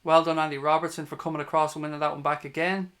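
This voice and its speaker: A Dublin man with an Irish accent commentates live on football for a fan livestream, chatting with viewers during the watch-along. He is blunt, sweary and opinionated. His voice is on the high side and a bit bright, with flat delivery and fast talking.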